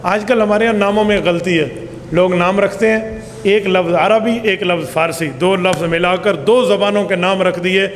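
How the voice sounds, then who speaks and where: A man's voice: high voice, steady tone. A man giving a sermon as a mufti, telling stories emphatically and acting out dialogue. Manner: emphatic storytelling, acts out dialogue. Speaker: mufti, preacher. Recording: echoey hall with faint background noise.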